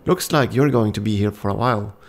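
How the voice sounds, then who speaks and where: A bearded soldier barks curt, brisk orders in a low, gravelly voice, as a man reads him out. The delivery stays close to an everyday reading voice. It is a game's story text spoken aloud. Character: brisk bearded male soldier, gruff helper.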